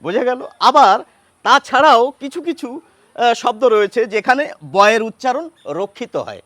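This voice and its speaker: A man teaching as he writes, patient and unhurried, pausing often with fillers. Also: extremely high pitch, sharp tone, no echo. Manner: patient, with many pauses and fillers. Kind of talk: explaining Bengali pronunciation at a board.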